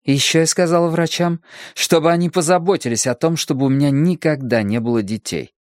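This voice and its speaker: Bitter young wife, voiced by a male narrator, raised pitch, cutting and defiant, storybook reading. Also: fairly quick, no echo, clean studio sound, close to an everyday voice. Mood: taunting. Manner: taunting, then pleading. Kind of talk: audiobook character voice.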